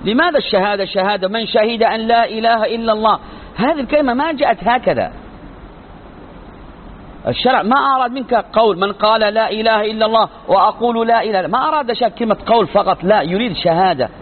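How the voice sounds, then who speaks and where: High-voiced man lecturing over tinny line. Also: fast talker. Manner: emphatic, poses rhetorical questions and answers them. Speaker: sheikh teaching creed. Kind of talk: religious lecture. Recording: phone-like narrow sound with faint noise.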